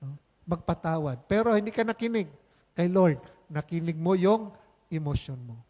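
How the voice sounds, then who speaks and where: A man's voice: sits high, animated, normal speed, a little mellow. A male priest giving a conversational homily at Mass, mixing English into Filipino and often checking in with "di ba?" and "okay?", with playful asides. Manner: conversational, keeps asking "di ba?" and "okay?"; mixes English phrases into Filipino. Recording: long hall reverb.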